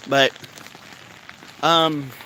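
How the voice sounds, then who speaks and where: Outdoors in cold, lightly rainy weather, a stoned vlogger chats to his viewers in a laid-back, meandering ramble to camera. His voice is a little high, level, very slow, and pushed and bright. The low-quality recording carries faint rain noise.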